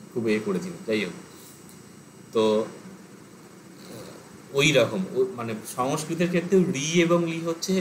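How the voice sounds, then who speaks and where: A man's voice: medium pitch, slight background noise, poor audio. A man teaching an online language class, explaining step by step, thinking aloud with fillers. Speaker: Pali teacher.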